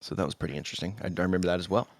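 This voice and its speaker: A man's voice: low voice, racing, no echo, studio quality. A man co-hosting a music podcast, steadily recounting his research notes in casual chat. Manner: steady recounting, with short agreeing interjections. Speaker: podcast co-host.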